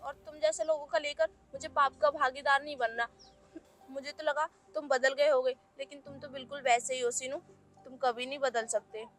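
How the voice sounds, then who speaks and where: A woman's voice: high-pitched, steady tone, moderate pace, a bit bright, faint music behind. A young woman playing a poor, earnest young woman who reproaches her ex-boyfriend in a web skit. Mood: reproachful. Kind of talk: Hindi web skit acting.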